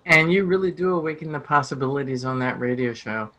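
A man's voice: mid-range voice, fast talker, pushed and bright, dull audio. A man hosting a casual interview who asks questions and eagerly praises his guest. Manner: enthusiastic, encouraging interviewer. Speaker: podcast host.

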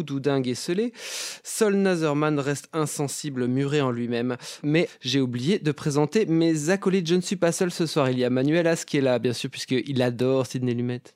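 A man's voice: medium pitch, darkish tone, no echo, clean studio sound. A man presenting a film round table as host, reading a prepared introduction in an articulate way.

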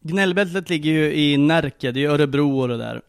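A man co-hosting a podcast in quick, teasing casual chat, with a Stockholm accent tinged with Östergötland. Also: on the high side, gravelly, clean tone. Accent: mix of Stockholm and Östergötland Swedish. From Linköping, Sweden. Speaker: podcast co-host.

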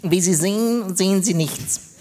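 A man's voice: high-pitched, measured pace, a little mellow, pitched above the performer's own voice. A man voicing a rich, stern male art collector with a dry, solemn delivery, recorded live on stage. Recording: live stage with hall reverb.

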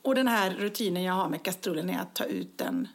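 A woman chatting casually and telling funny everyday stories, acting out her own lines. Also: on the low side. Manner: lively storyteller, acts out own quotes. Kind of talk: casual chat, telling anecdotes.

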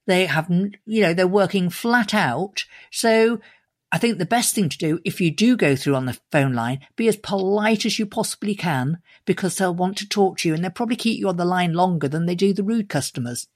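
A woman's voice: on the low side, lively intonation, a little fast, dry recording, clean studio sound. A woman with a British accent giving conversational advice as an expert guest in an interview.

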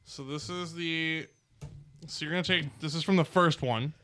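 A man's voice: fairly high pitch, steady tone, normal speed, fairly bright tone, clear, resonant tone. A man acting as game master in a tabletop game, tallying dice rolls in a casual, laid-back way.

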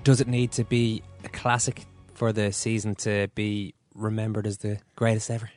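A man's voice: on the low side, little pitch movement, normal speed, darkish tone, no room sound, soft background music. A man with an Irish accent hosting a sports podcast, asking questions in a conversational style.

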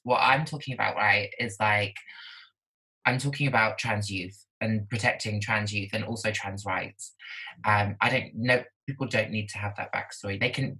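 A woman's voice: extremely low pitch, sharp tone, low-quality recording. A woman, a podcast guest talking candidly and casually over a video call, with many "like" fillers. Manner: candid, chatty, lots of "like" fillers. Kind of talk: casual conversation.

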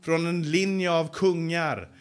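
A man preaching a sermon as a Bible teacher, stressing words loudly and then dropping to slow, quiet passages, often repeating key phrases. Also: a little high, fairly even intonation, clean tone. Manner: emphatic preaching that swings between loud stress and slow, hushed passages. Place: Bible conference gathering.

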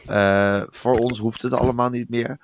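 A man co-hosting a podcast, answering in deadpan comic banter. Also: medium pitch, a little hiss or hum. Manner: deadpan, agreeable, quick replies. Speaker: podcast co-host.

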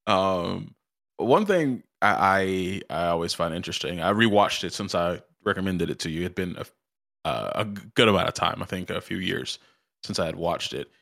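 A man's voice: deep voice, animated, moderate pace, creaky, a bit bright, dry recording, clean studio sound. A man co-hosting a podcast in casual chat, asking questions and swearing casually. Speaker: podcast co-host.

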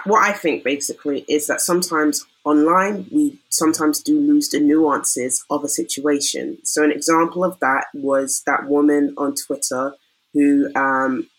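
A woman's voice: low-pitched, low-quality recording. A woman recounting an example in a casual discussion, hedging often as she goes.

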